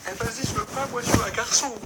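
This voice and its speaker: A young man voicing a whiny little boy who protests in a shrill, high voice. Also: fast talker, over loud music. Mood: whining.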